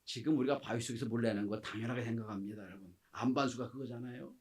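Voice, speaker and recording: A middle-aged male pastor with a mid-range voice talks fast as he preaches a passionate sermon. He acts out quoted speech and swings from loud exclamations to near-whispers.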